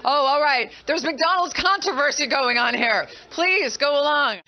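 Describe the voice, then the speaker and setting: A woman's voice: high voice, unhurried, muffled recording. A woman in her thirties, a TV field reporter talking live on location into a handheld microphone. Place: fast food restaurant.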